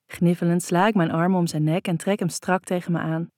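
A woman reading a first-person audiobook in a soft, even, intimate manner. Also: lowish voice, fairly quick, no echo, clean studio sound. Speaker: audiobook narrator. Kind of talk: first-person scripted narration.

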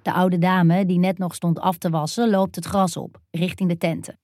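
A woman narrating a first-person erotic story in an intimate, hushed and dreamy way. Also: on the low side, flat delivery, moderate pace, a little hiss or hum.

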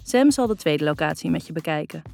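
A woman voicing a cheerful, warm young man who talks in a friendly, lively way. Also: fairly quick, gravelly, soft background music. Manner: friendly, lively, raised pitch.

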